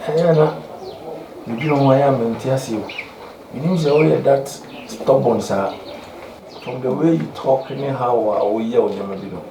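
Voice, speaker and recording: A man's voice: mid-range voice, normal speed, lightly acted. An actor with a Ghanaian accent playing a young man who argues and reasons with a demanding woman. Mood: reasoning. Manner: reasoning, defensive, mixing in English. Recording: echoey, distant mic, noisy background.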